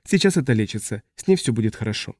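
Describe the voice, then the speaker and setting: A relaxed, contented middle-aged man, read by a male narrator speaks low and quietly. The reading is dry and close. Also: fast talker, breathy edge, no echo.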